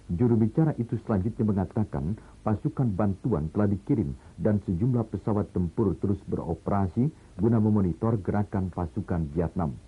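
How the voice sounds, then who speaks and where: A man reading the news in a measured, formal way, heard through an old lo-fi broadcast recording like an old newsreel. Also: deep voice, slightly rough. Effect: old lo-fi broadcast sound, like an old newsreel. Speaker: news anchor. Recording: tinny, narrow-band old broadcast recording.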